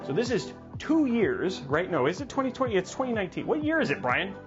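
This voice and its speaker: A man hosting a livestreamed tech news show, animated and jokey, with dramatic asides. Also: high voice, brisk, highs cut off. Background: music playing under the voice.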